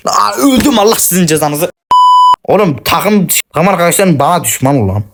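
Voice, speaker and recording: A man narrating his gameplay in quick, excitable bursts, cursing at teammates and joking at his own expense. His voice sits a touch high. He plays on a phone and talks over the match. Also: very noisy. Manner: excitable, cursing, self-mocking. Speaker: gaming channel host. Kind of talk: casual gameplay commentary. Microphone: playing on a phone.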